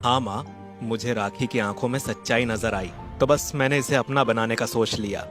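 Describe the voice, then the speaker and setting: A man voicing a loving young husband who speaks calmly and soothingly in a dramatized moral story. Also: mid-range voice, normal speed, faint music behind, voice pushed down, natural voice. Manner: soothing, calm.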